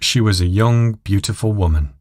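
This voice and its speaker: A man's voice: on the low side, moderate pace, darkish tone, no room sound, clean studio sound. A man reading scripted dramatic story narration as the narrator.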